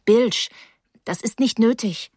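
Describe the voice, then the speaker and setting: Sensible young guy talking firm and reasonable , woman reading, slow and dry. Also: on the high side, a little mellow, husky, no room sound, pitched above the performer's own voice.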